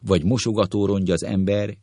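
A man plays a blunt gentleman who bellows the same stock saying again and again. His gravelly voice is very low and sounds dry, with no room around it. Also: fairly even intonation, dry recording. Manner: bellowing catchphrase.

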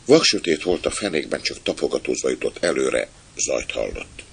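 Very deep, gravelly male narrator. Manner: expressive, plays the characters' voices. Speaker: audiobook narrator. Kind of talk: audiobook reading of an adventure novel.

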